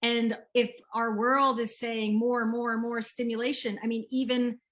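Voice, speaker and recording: A middle-aged woman, a parenting expert being interviewed, speaks in a gentle, soothing and unhurried way. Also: on the high side, little pitch movement. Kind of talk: interview conversation.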